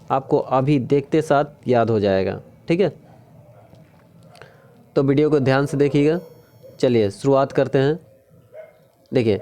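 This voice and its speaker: Guy doing an exam trick lesson, mellow warm voice, keeps checking in and repeating stuff. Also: medium pitch. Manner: repetitive, keeps asking "ठीक है?"; drawn-out sing-song pronunciation drills. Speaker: exam-prep teacher. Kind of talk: casual Hindi GK lesson.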